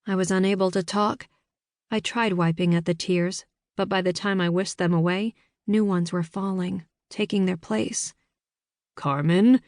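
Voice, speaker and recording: A woman reading first-person scripted narration for an audiobook in a measured storytelling manner, in a studio. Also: medium pitch, fairly even intonation, darkish tone, no echo.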